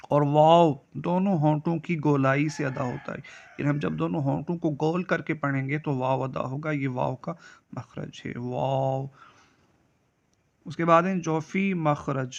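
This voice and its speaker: Teacher, male, gravelly, somewhat high voice, drawls letters for drills, dull lo-fi sound. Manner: drawn-out, careful letter recitation. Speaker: Quran reading teacher. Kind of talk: explaining and reciting letters slowly. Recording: dull lo-fi recording.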